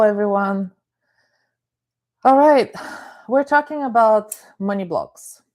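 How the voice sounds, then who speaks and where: A middle-aged Bulgarian woman, by profession a therapist and life coach, leads a calm, explanatory live-stream talk and greets viewers by name. Her voice has a medium pitch.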